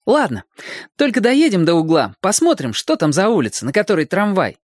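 Man reading as an excited young boy, raised pitch, bouncy lively delivery, dry close sound. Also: brisk, no room sound, heavily acted. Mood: eager. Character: cheerful, eager 11-year-old boy. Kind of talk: audiobook reading.

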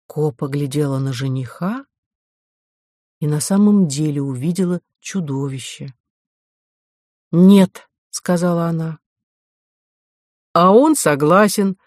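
An audiobook narrator reading a science fiction story in a measured, even storytelling manner. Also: medium pitch, no echo, studio quality.

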